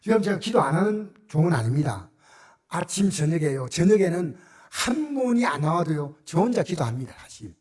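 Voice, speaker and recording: A middle-aged man with a Gyeongsang accent preaching a sermon as a pastor in a church, swinging between loud cries and near-whispers. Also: a little high, very animated, fairly quick. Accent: Gyeongsang Korean. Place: church sanctuary.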